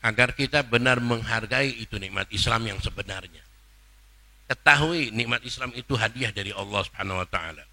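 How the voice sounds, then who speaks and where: A man preaching a sermon and leading a congregation in prayer, coaxing listeners and drawing out chanted invocations slowly. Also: fairly low pitch, creaky, bright, forceful tone, no room sound. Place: religious gathering.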